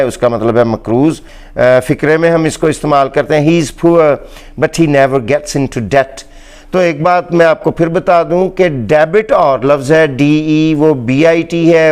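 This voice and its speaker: Clear-voiced Pakistani man teaching pronunciation. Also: on the high side, a little mellow. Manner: slow, deliberate, repeating words for emphasis. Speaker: English teacher. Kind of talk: pronunciation lesson.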